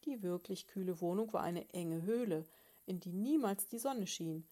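A woman's voice: lowish voice, normal speed, dark tone. Woman reading a children's story.

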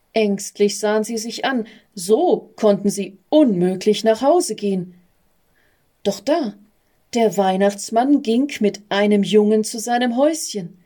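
A woman calmly reading a children's story aloud. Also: mid-range voice. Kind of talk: read-aloud storybook narration.

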